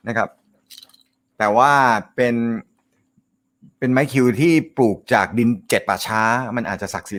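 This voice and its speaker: A man hosting a casual live stream, reading viewer comments, with a naturally loud voice and a joking, chatty manner. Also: on the low side. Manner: joking, laughs often, chatty. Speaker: host of a snooker live show.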